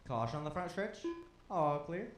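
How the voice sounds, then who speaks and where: A man runs the race from the stand, rattling off positions, gaps and caution calls in clipped, matter-of-fact commands. His voice sits high for a man. It rings out with a lot of echo around it. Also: expressive, moderate pace. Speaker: race director. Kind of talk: live race calling over a PA.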